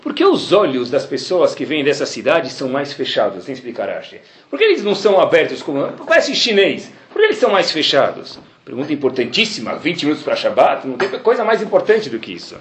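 A man teaching a Talmud class, telling the story animatedly and acting out the characters in quick voices. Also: fairly high pitch, huge pitch swings, reverberant, a little hiss or hum. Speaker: Torah teacher giving a class.

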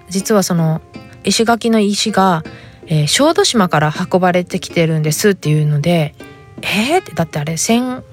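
Podcast host, Japanese woman, 30s, Hakata accent, animated storyteller, middle pitch, soft guitar underneath. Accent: Hakata dialect. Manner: chatty, animated storytelling with quoted dialogue. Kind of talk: casual solo chat.

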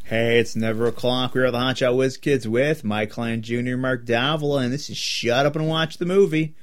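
A man's voice: mid-range voice, fairly even intonation, moderate pace. A man co-hosting a movie podcast, bantering casually, joking, laughing easily and arguing small points. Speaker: podcast co-host. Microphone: headphones at a podcast mic.

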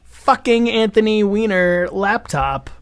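A man co-hosting a podcast in casual chat, telling rambling, animated stories and laughing often. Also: high-pitched, takes it slowly, no echo, studio quality. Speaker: podcast co-host.

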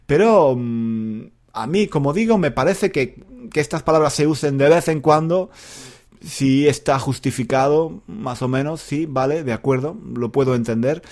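Man, casual lesson talk, slow and repetitive, lots of fillers. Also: mid-range voice, a little mellow. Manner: unhurried, many fillers and repetitions, chuckles often.

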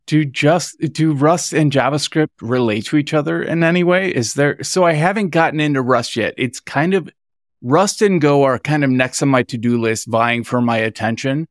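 A man's voice: a little high, normal speed, dry recording, studio quality. Upbeat podcast host man. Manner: upbeat, laughs often. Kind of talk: casual chat.

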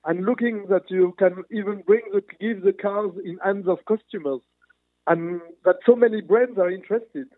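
A man's voice: sits high, moderate pace, dry recording. A man, a motorsport manufacturer executive, answering interview questions earnestly over a remote line, restarting phrases as he searches for words. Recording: tinny phone-like remote line.

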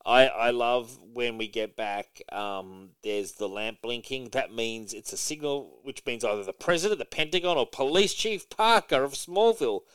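A man hosting a casual comics podcast, talking in an animated way with frequent fillers and some swearing. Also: mid-range voice, normal speed, hardly any pauses, clear, resonant tone, no echo. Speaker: podcast host.

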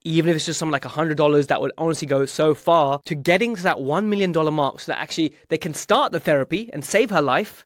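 A man's voice: a little high, no room sound, studio quality. A man hosting a podcast in a chatty, informal way, speaking directly to his listeners with enthusiasm. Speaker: podcast host.

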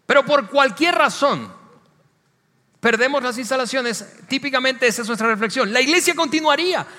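Speaking at normal speed in an extremely high, bright and forceful voice, a church pastor with a Venezuelan Spanish accent gives a conversational sermon. He's emphatic and repeats his key phrases, and long hall reverb colors the sound.

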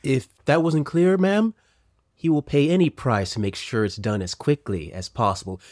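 A man's voice: medium pitch, moderate pace, a little mellow, no echo, clean studio sound, lightly acted. A man voicing a fawning female interpreter who speaks politely and persuasively, with apologetic asides. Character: smooth, fawning female interpreter for a rich client. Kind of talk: tabletop role-play voice.

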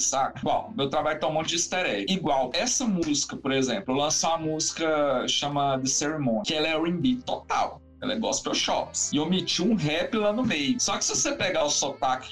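Chatty man, rambling and animated. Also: fairly high pitch. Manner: rambling, animated, lots of fillers and restarts. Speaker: musician guest. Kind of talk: casual interview chat.

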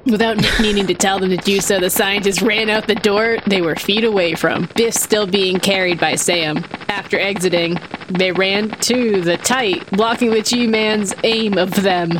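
Female narrator for a comic story read aloud, medium pitch, clear background noise. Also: fairly even intonation, normal speed, few pauses.

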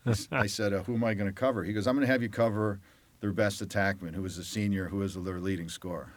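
Talking fast in a lowish voice with no room sound, this Detroit, Michigan man recalls his time as a college lacrosse player during an interview. He's an animated storyteller, performing the voices of the people he quotes.

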